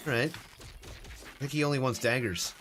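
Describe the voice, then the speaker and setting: A man's voice: mid-range voice, a little slow, fairly bright tone, slight background noise. A man streaming an online game, chatting casually and laughing often as he rambles. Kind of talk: casual live gameplay commentary.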